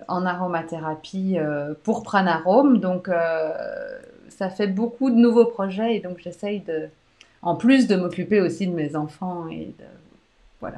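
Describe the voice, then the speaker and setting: Belgian woman hosting a chatty live Q&A. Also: fairly low pitch. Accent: Belgian French. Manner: chatty, warm toward viewers, many "euh" hesitations and restarts. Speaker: pharmacist and aromatherapy trainer hosting a live Q&A. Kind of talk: live online Q&A, reading and answering viewer comments.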